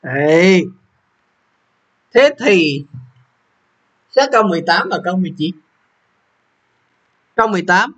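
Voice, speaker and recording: A man's voice: high voice, a bit bright. A young man, walking students through an English exam, repeating question numbers and checking they follow. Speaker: English teacher. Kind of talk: exam walkthrough lesson.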